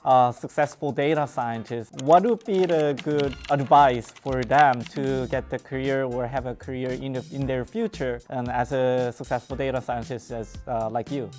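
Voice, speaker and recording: A man's voice: medium pitch, steady tone, moderate pace, few pauses, darkish tone, soft background music. A man interviewing and adding his own views in a chatty way, full of fillers. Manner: chatty, many fillers like "you know" and "like". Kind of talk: interview questions and remarks.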